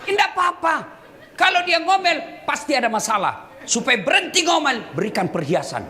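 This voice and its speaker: A man preaching a lively sermon to a live audience, scolding and teasing his listeners and repeating phrases for emphasis. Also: very high-pitched, moderate pace, noisy background. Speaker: Islamic preacher. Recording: echoey room with faint ambience.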